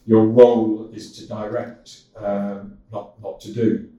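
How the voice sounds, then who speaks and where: An older man in casual interview talk, speaking in a halting way with many restarts, as a podcast guest. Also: lowish voice, flat delivery, dark tone, recorded from a distance, dull audio. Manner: halting, with frequent repeated starts. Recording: echoey room, from off-mic.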